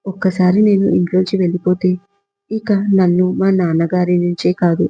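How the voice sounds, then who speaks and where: A man's voice: high voice, little pitch movement, moderate pace, slightly rough, lo-fi sound, soft background music. A man putting on a spirited young woman, Lucky. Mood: tearful.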